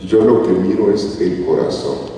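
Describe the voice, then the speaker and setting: A man's voice: low-pitched, lively intonation, measured pace, mellow, slight background noise. A man from Guatemala preaching a sermon in a church, telling stories with rising emphasis. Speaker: pastor. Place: church hall. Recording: echoey church hall from far off.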